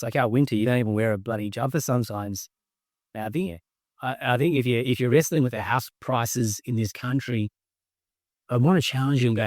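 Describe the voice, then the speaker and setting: Man, enthusiastic podcast host, fairly low voice, dry close sound. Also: dry recording. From Australia. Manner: enthusiastic, talkative, many fillers and restarts. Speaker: podcast host, company co-founder. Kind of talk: casual podcast chat.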